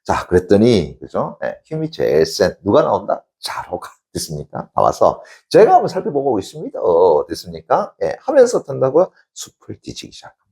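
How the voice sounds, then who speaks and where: In a Korean classics lecture, a male teacher tells a classical tale with animated storytelling and sound effects. He keeps checking in with his students and answering his own questions. His low voice is husky with vocal fry, delivered at a normal speed.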